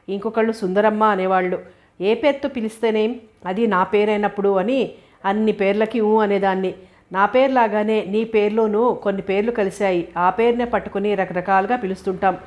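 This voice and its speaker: A woman's voice: medium pitch, a little mellow, lightly acted. Woman doing a fussy, doting old grandmother. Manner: coaxing, chiding, long-winded.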